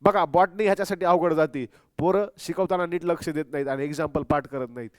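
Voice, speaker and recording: A man's voice: on the high side, fast talker, dry recording, studio quality. A young man teaching a biology class. He keeps asking the students questions and mixes English terms into his speech. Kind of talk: classroom lecture.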